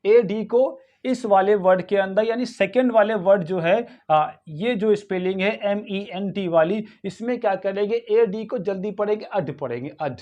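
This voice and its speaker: A man teaching English pronunciation, asking and answering his own questions and repeating each word slowly. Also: high voice, darkish tone, lo-fi sound. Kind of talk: pronunciation lesson in Hindi.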